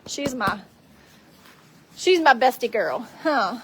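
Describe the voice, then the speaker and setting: A woman's voice: fairly high pitch, animated, slow pace, noisy background. A woman chatting casually on a farm livestream and talking to her animals in a sing-song voice. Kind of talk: casual livestream chat while doing chores. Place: outdoors on a farm and in a barn.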